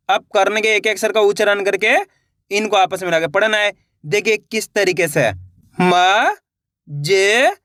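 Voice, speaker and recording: A man's voice: high-pitched, a bit bright, dry recording, clean studio sound. A man teaching an online reading lesson, sounding words out syllable by syllable and then blending them, encouraging his viewers as friends.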